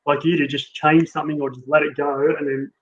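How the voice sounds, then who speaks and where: A man who hosts an interview speaks in a voice that sits a little high for a man. His sound is dull and lo-fi, with a faint hiss underneath. He agrees readily and muses out loud. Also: level tone, fairly quick. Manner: agreeable, musing, often ends with "right?". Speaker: interview host. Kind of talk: conversational interview.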